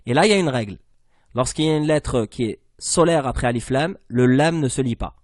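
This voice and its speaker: A man's voice: medium pitch, lively intonation, a little mellow, no echo, clean studio sound. Patient man teaching Arabic letters. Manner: patient, repeats rules and words slowly. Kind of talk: online language lesson.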